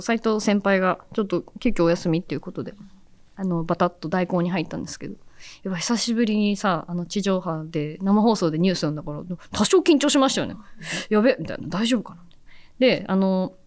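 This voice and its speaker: A woman in her thirties hosting a radio show, chatting casually and softly, often dropping into near-whispers, and reading listener letters. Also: lowish voice, quick pace. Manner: chatty, soft-spoken, drops into near-whispers. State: recovered from nasal congestion. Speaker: radio host and TV announcer.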